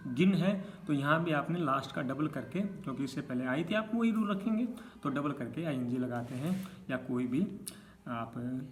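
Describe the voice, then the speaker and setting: Male teacher, fairly high voice, patient explainer, steady classroom lesson delivery. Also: a little hiss or hum. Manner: patient, repeats checks like "okay" between examples. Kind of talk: explaining spelling rules to students.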